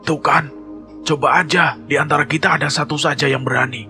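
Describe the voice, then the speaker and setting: A man's voice: a little high, steady tone, fairly quick, sharp tone, pitched above the performer's own voice. A man voicing an agitated young male hiker who blames his friends, with music behind. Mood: reproachful. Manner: blaming, agitated.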